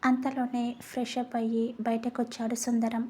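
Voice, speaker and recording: A woman narrates a story in a soft storytelling voice. Her tone is mellow and a little breathy. Her pitch sits fairly high but hardly moves. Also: completely flat delivery, normal speed.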